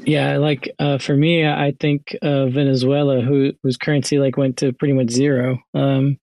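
A man's voice: mid-range voice, flat delivery, moderate pace, gravelly, a little mellow, dry recording. A man hosting a casual interview chat, talking in a hesitant way as he searches for his words. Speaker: host.

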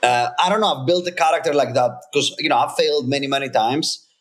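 A Greek-born company founder in his thirties speaks as a guest in a casual interview, his medium-pitched voice moving at a quick pace. He talks earnestly and emphatically, frequently restarting his sentences.

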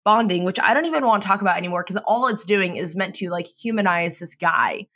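A woman's voice: medium pitch, fast talker. A woman co-hosting a podcast, chatting casually and swearing freely as she recaps an episode. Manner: animated, profane, laughs often. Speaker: podcast co-host.

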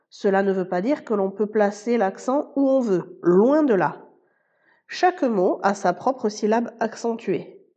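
A woman's voice: medium pitch, warm tone, muffled recording. A woman teacher giving a scripted podcast lesson, explaining patiently and speaking to the listener informally. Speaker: Spanish teacher.

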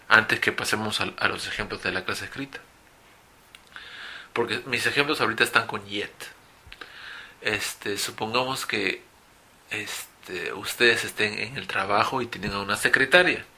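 A man's voice: fairly low pitch, a little slow, pauses often, sharp tone. A man teaching an English grammar lesson, explaining and repeating example phrases.

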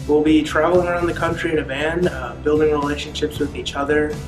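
Slightly high-voiced man from Wisconsin. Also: little pitch movement, fast. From Wisconsin, USA. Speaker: band lead guitarist. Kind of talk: promo video interview. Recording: roomy, with music behind.

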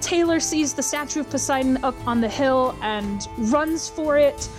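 A woman's voice: high voice, normal speed, over music. A woman casually recapping a storyline, wry and chatty, with lots of ums and uhs.

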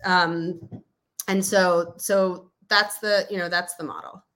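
A woman's voice: fairly low pitch, fairly even intonation, slow pace, a bit bright. A woman in her fifties, a guest in a podcast interview, explaining at length with many fillers and restarts. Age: 50s. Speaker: interview guest, company spokesperson. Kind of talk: casual interview chat.

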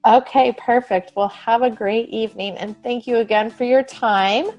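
A woman's voice: fairly high pitch, steady tone, moderate pace, dull audio, soft background music. A woman hosting a podcast interview, chatty and upbeat, laughing often as she wraps up. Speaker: podcast host. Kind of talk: interview wrap-up chat.

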